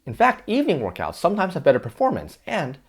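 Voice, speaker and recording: Guy arguing with himself in a scripted explainer bit, talks quick, voice jumps all over. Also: fairly high pitch, huge pitch swings, slightly rough. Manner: arguing with himself in conversational back-and-forth. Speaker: host of an explainer sketch. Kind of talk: scripted debate with himself, playing several versions of himself.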